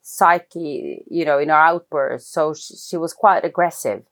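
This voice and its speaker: A Norwegian film writer-director speaks English in an unhurried, personal interview, her voice a little low for a woman yet somewhat bright. Thoughtful and hesitant, she pauses and restarts sentences often while searching for the right words.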